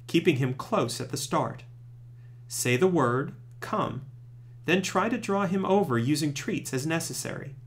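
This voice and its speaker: A man presenting scripted training tips, giving clear step-by-step instructions as a narrator. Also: fairly high pitch.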